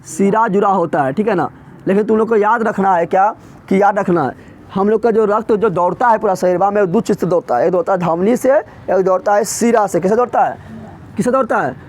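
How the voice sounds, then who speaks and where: A man teaches a class in a high, light voice. He explains in a colloquial, emphatic way and keeps firing short quiz questions back at his students. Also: slight background noise. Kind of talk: classroom lecture.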